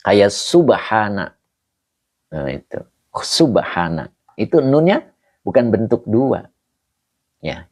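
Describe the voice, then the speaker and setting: A middle-aged man teaching an Arabic religious text on a livestream, reading viewers' comments and joking with them in a relaxed way. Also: low voice, slightly rough, no room sound. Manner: reads comments, jokes with viewers. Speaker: kitab teacher. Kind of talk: live-streamed kitab lesson. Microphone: phone or camera on a stand.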